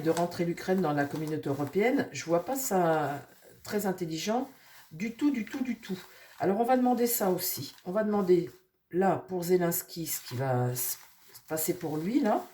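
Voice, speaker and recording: A woman with a cold who talks through her nose, rambling casually with many fillers while reading tarot for her viewers and speaking softly to her cards. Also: low voice, slight background noise. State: nasal from a cold. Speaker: tarot reader.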